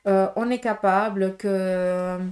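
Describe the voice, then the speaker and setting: A woman's voice: medium pitch, fairly even intonation, slow, a little mellow. A woman with a Swiss French accent giving a casual tarot reading to viewers, talking in a direct, frank way with many fillers and tag questions. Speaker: tarot reader.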